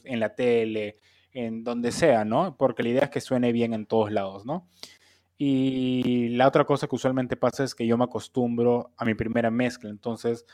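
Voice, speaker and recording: A man's voice: medium pitch, darkish tone. Guy explaining how he mixes and masters songs, patient, lots of fillers, ordinary mid voice. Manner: patient, explaining step by step, many fillers and tag questions. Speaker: mixing engineer. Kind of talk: explanatory talk.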